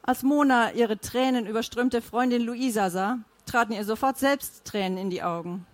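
A woman narrating a novel in a measured, even storytelling manner. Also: a little high, dry recording. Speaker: audiobook narrator. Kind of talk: scripted narration.

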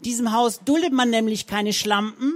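A man voicing a spiteful, nagging middle-aged woman who scolds her neighbor loudly and shrilly. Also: very high-pitched, normal speed, pitched above the performer's own voice. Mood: venomous scolding.

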